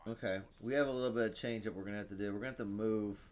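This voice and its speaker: A man's voice: on the low side, steady tone, very fast, a little mellow. A man casually commentating his own card game, thinking aloud, reading item text and groaning at bad luck. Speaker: gaming streamer.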